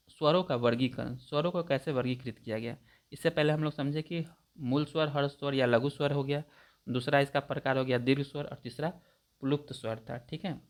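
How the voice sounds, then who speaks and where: A man teaching grammar for exam preparation, explaining each point step by step and repeating definitions to check understanding. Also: mid-range voice. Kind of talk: exam-prep grammar lesson.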